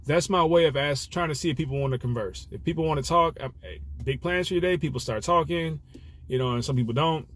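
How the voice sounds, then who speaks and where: A man's voice: on the high side, fast, fairly bright tone. A young man, a rideshare driver, telling a personal story in an earnest, rambling way full of fillers. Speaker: rideshare driver sharing stories. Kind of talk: casual reflective storytelling.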